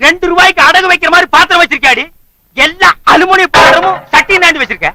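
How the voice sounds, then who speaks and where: An actor playing a boastful, broke, drunken husband who trades sarcastic insults in a film comedy scene. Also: male voice, very high voice, fast talker, heavy background noise. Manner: sarcastic, mocking, loud insults. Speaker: comic actor.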